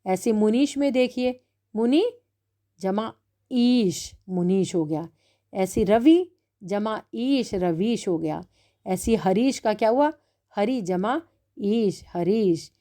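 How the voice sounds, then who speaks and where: A woman's voice: mid-range voice, animated, dark tone. A woman teaching a grammar lesson to children, explaining step by step and checking in often with the class. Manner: slow, drawn-out explaining with constant "है ना" checks. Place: online class recording.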